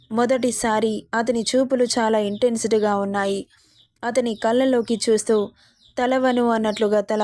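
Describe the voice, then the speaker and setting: A woman narrating a romantic audio story in a steady, expressive reading. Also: on the high side, dry recording, studio quality.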